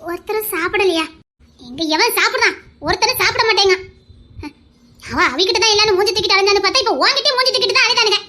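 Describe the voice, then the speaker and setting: A woman voicing a sharp-tongued older aunt of a joint family, who scolds in a quick, mocking way. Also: very high-pitched, a little hiss or hum. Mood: scolding.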